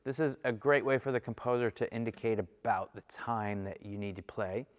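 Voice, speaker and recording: A man's voice: lowish voice, steady tone, moderate pace, long reverb tail. A man teaching a snare drum lesson, explaining each step and counting and singing the rhythms aloud in an encouraging way. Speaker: percussion teacher. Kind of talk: instructional lesson.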